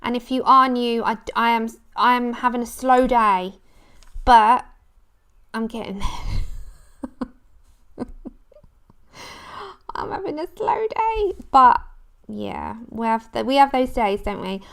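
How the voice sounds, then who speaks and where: A woman's voice: a little high, fairly even intonation, a little slow, long pauses, a bit bright, smooth. A woman chatting casually and rambling as she hosts a craft livestream, breaking off to talk to viewers. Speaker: livestream host. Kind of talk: casual craft livestream chat while colouring.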